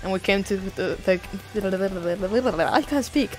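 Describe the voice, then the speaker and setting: A woman's voice: mid-range voice, slow pace, soft background music. A young adult woman streamer chatting casually, rambling and self-deprecating, swearing now and then.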